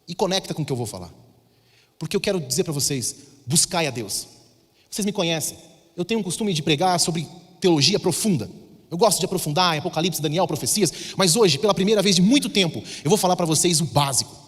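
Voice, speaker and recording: A man's voice: fairly high pitch, lively intonation, fast talker, breathy edge. A Brazilian man with a Brazilian Portuguese accent, preaching a sermon in a conversational, storytelling way. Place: large church hall. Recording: reverberant church hall.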